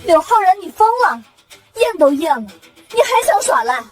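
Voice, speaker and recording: An actress playing a noble mother in a costume drama, shrill, accusing and melodramatic. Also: sing-song, normal speed, faint music behind.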